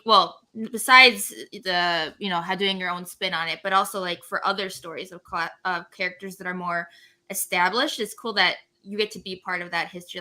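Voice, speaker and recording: Bright-voiced young woman, rambling co-host. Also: mid-range voice. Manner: rambling, filler-heavy, giggly. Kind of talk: casual interview. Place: home room on video call.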